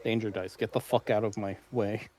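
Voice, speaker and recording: A man's voice: fairly low pitch, fairly even intonation, mellow, no echo. A man playing a tabletop role-playing game in casual chat, laughing often. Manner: laughs often, drawn-out easy delivery. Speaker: player.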